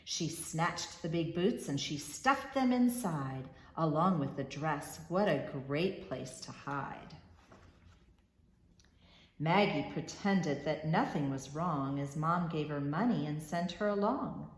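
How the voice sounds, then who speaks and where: A woman with a deep voice reads a rhyming children's storybook aloud as the storyteller, expressive and measured with a rhythmic flow. The sound is roomy.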